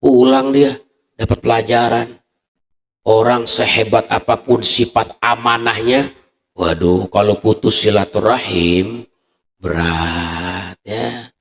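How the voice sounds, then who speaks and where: A man's voice: fairly low pitch, steady tone, takes it slowly. Male preacher in an echoey mosque. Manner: colloquial, addressing the congregation. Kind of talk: sermon with storytelling.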